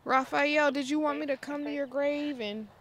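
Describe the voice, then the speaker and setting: A woman's voice: high-pitched, fairly even intonation, normal speed, a bit bright, slight background noise. Woman, rambling casual vlogger. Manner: informal, rambling, talking aloud to herself and viewers. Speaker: paranormal vlogger. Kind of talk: casual chat to viewers. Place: outdoors in a cemetery.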